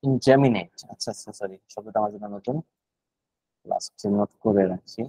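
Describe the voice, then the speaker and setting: A man's voice: on the low side, flat delivery, normal speed, mellow, husky, no room sound, low-quality recording. A man with a Bangladeshi accent leading a casual online vocabulary lesson, thinking aloud and searching for words. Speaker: vocabulary session leader.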